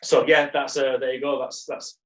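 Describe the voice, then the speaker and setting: A man's voice: medium pitch, little pitch movement, moderate pace, fairly bright tone, reverberant, far from the mic, poor audio. A young man co-hosting a podcast, telling a story in a rambling, self-mocking way with many restarts. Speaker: podcast co-host. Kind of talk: casual chat, storytelling.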